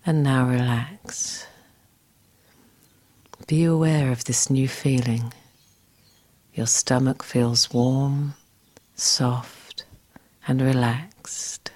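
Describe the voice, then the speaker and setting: A woman guiding a scripted relaxation exercise in a soft, soothing, breathy, near-whispered voice. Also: very deep voice, steady tone, extremely slow, long pauses. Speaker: relaxation guide.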